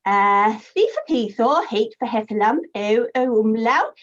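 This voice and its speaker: A young actress playing a dithering, giggly upper-class secretary in a stage murder mystery, all breathless and scatterbrained. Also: female voice, fairly high pitch, lively intonation, a little slow, lo-fi sound.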